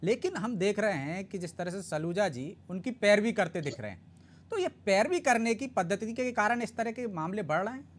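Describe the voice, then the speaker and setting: A man's voice: sits high, big pitch swings, normal speed. A man anchoring a televised debate, moderating the panel with pointed, probing questions.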